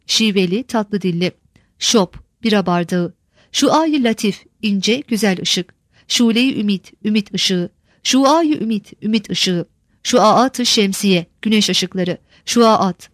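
Woman, measured glossary reader, headwords stressed, dry booth sound. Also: no echo. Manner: measured, list-like reading, stresses each headword higher. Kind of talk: reading a glossary of old words.

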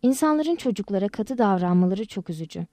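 A woman reading the lines of a kind, gentle adult man in an audiobook, with a soft, reassuring way of talking. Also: mid-range voice, lively intonation, fast, no room sound, studio quality, close to an everyday voice.

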